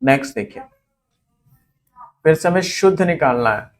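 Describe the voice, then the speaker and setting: A man teaching a Hindi spelling lesson for exam students, repeating each word slowly so it sticks. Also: high voice, big pitch swings, creaky.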